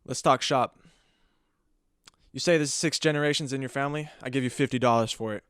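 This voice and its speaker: Young man playing a blunt pawnbroker, swearing, haggling hard, smooth voice, dry sound. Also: medium pitch, brisk, a bit bright, no room sound, lightly acted. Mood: pushy. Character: pushy, crude male pawnbroker haggling.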